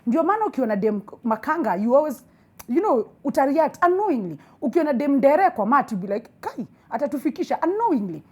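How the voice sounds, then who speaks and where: A woman's voice: high voice, big pitch swings, fairly quick. A woman with a Kenyan accent in a heated conversational TV debate, making her case insistently and repeating phrases for emphasis. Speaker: debate panelist on a TV talk show.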